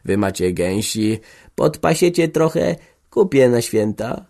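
A man voicing a sly innkeeper who haggles in a slow, coaxing way. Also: mid-range voice, very animated, creaky, dark tone.

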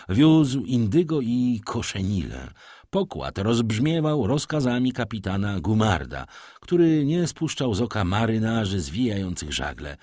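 A man narrating a novel aloud in an expressive, dramatic storytelling manner. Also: on the low side, no room sound, clean studio sound. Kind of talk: audiobook narration.

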